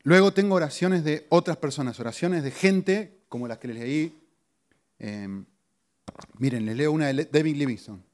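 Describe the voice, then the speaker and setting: A middle-aged man, a pastor giving a conversational sermon to his congregation with lively rises in pitch and asides to the listeners. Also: moderate pace. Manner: conversational teaching, animated pitch swings, audience asides.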